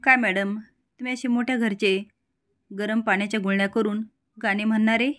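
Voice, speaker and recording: A scheming village father barges in, loud and blunt, with a swaggering rustic way of talking, as a woman puts him on. His voice sits at a middling pitch and never softens. It is a storyteller's one-person retelling. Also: steady tone, brisk, natural voice. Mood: brash.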